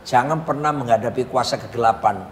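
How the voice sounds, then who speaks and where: A man's voice: medium pitch, brisk. A male pastor teaching in a conversational sermon style, preaching emphatically with his co-host. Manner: emphatic preacher, repeats partner's phrases. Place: coffee lounge. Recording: roomy reverb with faint background hum.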